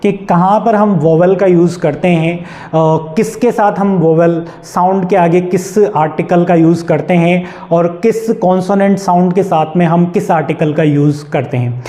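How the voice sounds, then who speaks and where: A man's voice: high-pitched, fairly even intonation, normal speed, dark tone. A young man with a Hindi accent teaching an English grammar lesson. He keeps asking the class questions and then answers them himself. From India.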